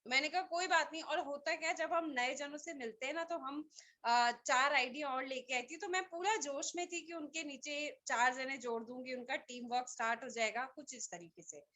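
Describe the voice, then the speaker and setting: High bright energetic woman trainer. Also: normal speed. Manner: energetic, rallying, storytelling with quoted dialogue. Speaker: team trainer for a direct-selling business. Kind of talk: motivational team training talk.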